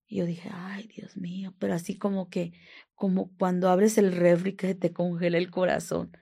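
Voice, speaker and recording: A woman with a northern Mexican accent giving personal testimony, halting and often sinking to a whisper. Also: fairly low pitch, level tone, vocal fry. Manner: hushed, often dropping to a whisper, frequent tag questions; halting, with repeated restarts.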